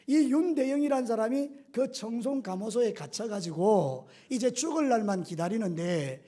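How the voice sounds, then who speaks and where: Animated, high-voiced preaching man. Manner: animated storytelling, acts out scenes and voices. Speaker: pastor. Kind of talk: sermon.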